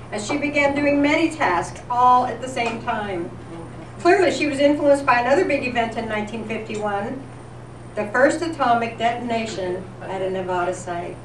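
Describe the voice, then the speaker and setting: Captured from far off in a noisy, reverberant senior center room, a high-pitched woman speaks at a normal pace. She's the event presenter, reading a humorous tribute written in the style of a classic radio news broadcast.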